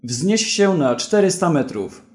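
Man reading treacherous leader, bossy commands, lively pitch. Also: takes it slowly. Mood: commanding. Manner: bossy, barked orders.

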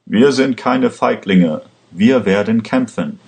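Man reads defiant rebel orator, audiobook, low-pitched, slow. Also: lively intonation, gravelly, darkish tone, full character voice. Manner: declamatory, defiant. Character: defiant male rebel leader giving speeches.

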